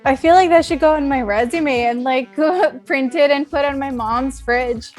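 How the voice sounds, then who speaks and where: A woman's voice: high-pitched, moderate pace, darkish tone, faint music behind. A woman from Thailand, a podcast guest, talking in a cheerful, self-deprecating way. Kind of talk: casual podcast conversation.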